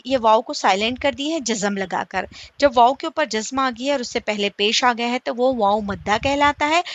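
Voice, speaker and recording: A woman teaching a slow recitation lesson. She asks her listeners questions, answers them herself, and stretches the example vowels out slowly. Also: fairly high pitch, a bit bright, no room sound. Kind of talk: slow step-by-step tajweed lesson.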